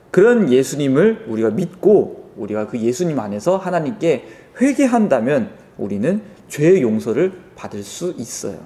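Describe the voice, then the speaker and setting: A young man giving a children's sermon, telling the story in an animated way and addressing the kids directly. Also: on the high side. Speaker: children's ministry pastor.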